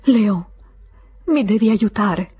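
A woman reading an audiobook voices a desperate young woman in debt, passionate and pleading, urgent and at times hushed. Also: medium pitch, measured pace, slightly rough, soft background music.

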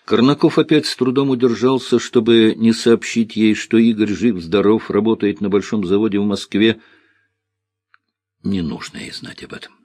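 A man narrating an audiobook with expressive storytelling. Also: fairly low pitch, moderate pace, dry recording. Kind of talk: scripted narration.

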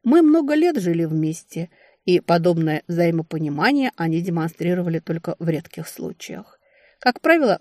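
A woman narrating a fantasy novel in a wry, expressive storytelling manner, recorded on a close mic. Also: lowish voice, no echo. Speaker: audiobook narrator.

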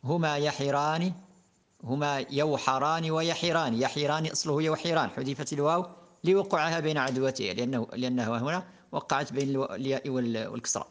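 Male grammar teacher, slightly high voice, steady and methodical, reciting conjugation tables. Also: fast. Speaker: teacher of Arabic morphology. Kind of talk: classroom lesson explaining a grammar poem.

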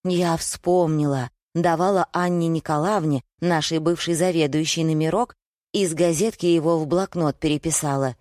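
A woman reading aloud and voicing a gossipy, timid middle-aged wife who chatters fast and whimpers. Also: low voice, fairly even intonation, darkish tone, dry recording, clean studio sound, lightly acted. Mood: chattering.

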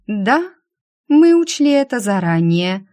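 A woman voicing a sugary, predatory female demon who mocks as she speaks slowly. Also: medium pitch, sing-song, darkish tone, voice pushed up. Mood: menacing. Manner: slow, saccharine, mocking.

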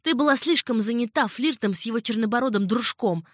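A woman's voice: on the high side, fairly quick, a bit bright, no room sound, clean studio sound, voice pushed up. A woman reading an audiobook, voicing a proud young captive noblewoman in a raised, heated, indignant tone.

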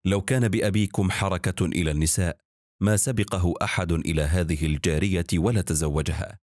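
Guy reading as a solemn just ruler, grave tone, very deep voice, dry sound. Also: brisk, a little mellow, dry recording, lightly acted. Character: just old caliph, solemn and God-fearing.

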